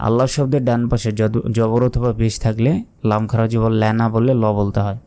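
A man teaching Quran recitation, spelling out each letter and vowel mark before sounding the word slowly. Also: on the low side, flat delivery, dark tone, clean tone. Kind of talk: slow letter-by-letter recitation lesson.

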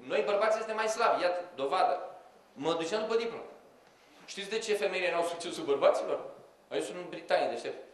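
A man telling comic stories to a live audience, acting out the people in them and talking to the crowd. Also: high-pitched. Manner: animated, acts out quoted voices, addresses the audience directly. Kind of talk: live comic storytelling monologue. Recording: roomy hall, audience audible.

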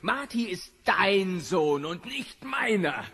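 An actor playing a brutish, bullying rich husband in an audio drama, sneering and menacing. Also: male voice, high voice, sing-song, takes it slowly, sharp tone, full character voice.

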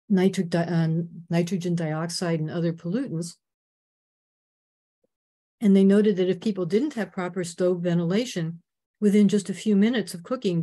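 Presenting a slide talk over a video call, an older Canadian woman speaks earnestly and informatively, clearing her throat now and then. Her voice is fairly low with a dark tone.

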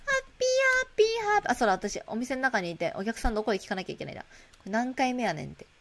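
A woman streaming a shop management game, chatting casually to herself and greeting customers in a bright shop-clerk voice. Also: mid-range voice, animated, rapid-fire. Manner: chatty, playful, talks to herself while playing. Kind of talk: casual gameplay commentary.

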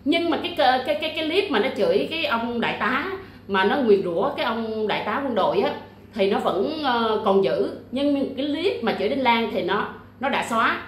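A woman's voice: fairly high pitch, animated, a little fast, reverberant, a little hiss or hum. A woman delivering an emphatic vlog monologue, full of fillers, repetitions and blunt jabs. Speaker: YouTuber discussing a legal case. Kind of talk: casual livestream-style monologue.

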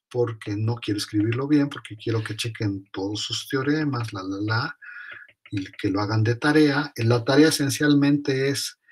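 A man teaches a math class in a loose, chatty way. He thinks out loud, trails off and corrects himself mid-sentence, and his voice has a husky, slightly breathy edge at a middling pitch. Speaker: math lecturer. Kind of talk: informal math lecture.

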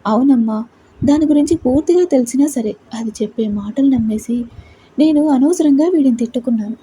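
A woman's voice: high voice, a little fast, dark tone, slight background noise, natural voice, rough recording. A woman voicing an elderly grandmother who talks fondly and asks worried questions. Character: elderly grandmother, fond and fretful.

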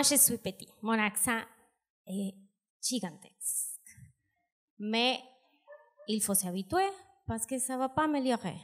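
Deadpan female stand-up, unhurried, pausing before punchlines. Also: high voice. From South America. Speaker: stand-up comedian. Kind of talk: stand-up set. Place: comedy club stage.

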